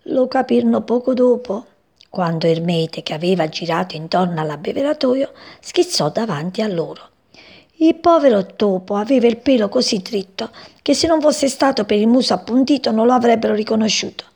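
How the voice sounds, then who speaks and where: A woman reading a children's story aloud, expressive and voicing the characters. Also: a little high, moderate pace, vocal fry, slightly rough.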